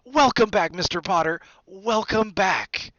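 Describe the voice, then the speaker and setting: A man voicing an old, toothless bartender, reverent and exclaiming with drawn-out words, in an audiobook story. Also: very high voice, sing-song, pushed and bright, clear, resonant tone, dry recording, highs cut off, pitched above the performer's own voice, exaggerated voice. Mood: overjoyed. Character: old, bald, toothless, awestruck male bartender.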